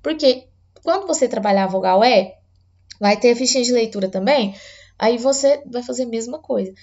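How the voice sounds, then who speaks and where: A woman teacher from Brazil explaining an early reading lesson to parents, patient and explanatory, sometimes slowing down to read words aloud. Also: fairly high pitch, expressive, darkish tone, highs cut off.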